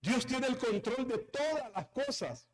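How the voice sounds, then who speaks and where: Male pastor, high voice, emphatic sermon delivery that calls on the room. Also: expressive, a little slow. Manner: emphatic preaching with repetition and calls to the congregation.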